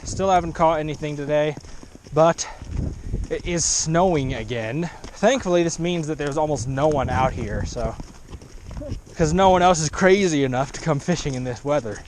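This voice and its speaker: A man's voice: a little high, moderate pace, low-quality recording. Chatty young man vlogging outdoors in wind. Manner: self-deprecating, chatty. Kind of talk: casual outdoor vlog narration. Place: outdoors by a stream in snowy, windy weather. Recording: wind and outdoor noise behind.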